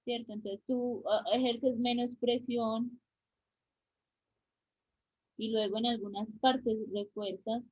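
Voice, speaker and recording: A woman's voice: fairly high pitch, flat delivery, slow pace, pauses often. A woman drawing teacher with an Antioquian Colombian accent, explaining step by step in an online class and checking in often with her students. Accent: Colombian Spanish, Antioquia. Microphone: video call. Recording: muffled video-call audio.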